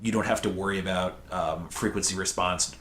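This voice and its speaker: A man's voice: deep voice, fairly even intonation, fairly quick, a bit bright, a little hiss or hum. A man, a mastering engineer guest, explaining technical details in a casual podcast chat with many fillers.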